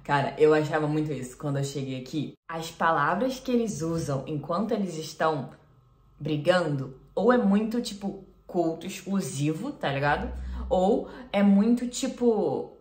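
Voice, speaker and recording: A woman's voice: sits low, echoey room. A woman, hosting a reaction video in a chatty, slangy way. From Brazil. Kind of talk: casual vlog chat.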